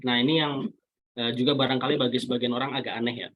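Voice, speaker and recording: A man speaking on a video call, giving a relaxed, explanatory religious talk and quoting Arabic scripture now and then. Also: mid-range voice, fast talker. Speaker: webinar speaker.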